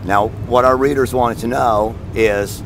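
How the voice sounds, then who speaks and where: A man's voice: medium pitch, steady tone, a little slow. A man asking questions as an interviewer in a casual on-location chat. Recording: outdoor recording with clear vehicle noise.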